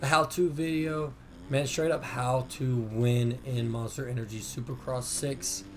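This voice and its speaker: A hoarse man hosting a gaming channel, talking casually over gameplay as he explains racing tips. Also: medium pitch, fairly even intonation, measured pace, noisy background. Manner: laid-back, peppers talk with "man". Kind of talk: casual game tutorial voice-over.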